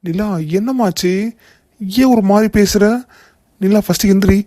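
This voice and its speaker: A performer voicing a protective young male hero in a cartoon, stern with enemies and gentle with the woman he protects. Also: medium pitch, moderate pace, dry recording, close to an everyday voice. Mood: soothing. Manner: stern threatening, then gentle and soothing. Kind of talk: cartoon voice acting.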